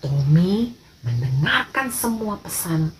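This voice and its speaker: A woman Sunday school teacher telling an expressive Bible-lesson story to children. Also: lowish voice, takes it slowly, slight background noise, poor audio.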